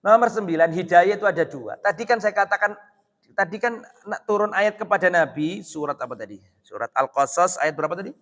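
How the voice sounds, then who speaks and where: A man preaching a dawn sermon in a mosque, animated and often quizzing the congregation. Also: high-pitched, a little fast. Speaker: Islamic preacher. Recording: reverberant mosque hall.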